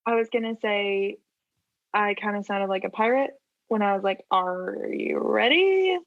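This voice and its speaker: A woman's voice: medium pitch, little pitch movement, moderate pace, no room sound. Thirties woman hosting a church parenting podcast; upbeat, light announcer tone, dry and slightly dull recording. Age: 30s. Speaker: podcast host, family pastor. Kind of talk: casual chat, hosting.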